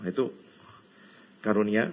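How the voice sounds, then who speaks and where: A man's voice: on the low side, a little slow. A middle-aged man from Indonesia, a pastor giving a chatty, teasing sermon to a church gathering, slipping into English phrases and playful quoted voices. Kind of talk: conversational sermon. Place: church hall.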